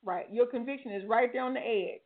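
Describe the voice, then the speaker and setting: A woman's voice: on the high side, fairly quick. An older woman hosting a talk show, giving preachy, folksy motivational advice and repeating her key phrases. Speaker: talk show host and life coach. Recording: tinny phone-like line.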